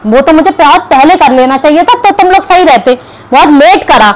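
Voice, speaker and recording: This young woman films combative reactions to camera, scolding and sarcastic in tone. She talks a little fast in a high-pitched voice, and background noise is clearly audible.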